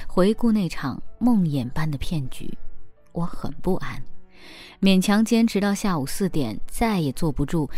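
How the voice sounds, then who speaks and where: Woman host, scripted essay narration, lively pitch, dry close sound, faint music behind. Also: no echo. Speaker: podcast host. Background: faint background music.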